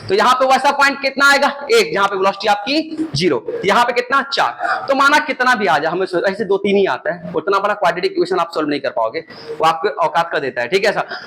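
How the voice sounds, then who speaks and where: A man teaching a physics lecture, animated, often repeating himself and asking his students questions. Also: extremely high pitch, slight background noise, low-quality recording. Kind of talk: classroom lecture.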